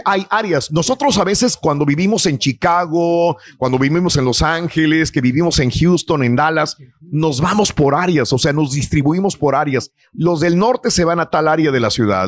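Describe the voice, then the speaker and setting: Male radio host from Mexico, casual and digressive, slightly high voice, quick to laugh. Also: no room sound. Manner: chatty, digressive, laughs easily. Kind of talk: casual morning radio chat.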